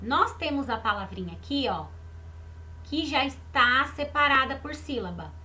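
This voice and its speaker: High-pitched woman teacher, patient and unhurried, repeats words and quizzes young kids. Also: expressive, bright, forceful tone. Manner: patient, repeats words slowly and asks the class questions. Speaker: primary school teacher. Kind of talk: online lesson explaining exercises to children.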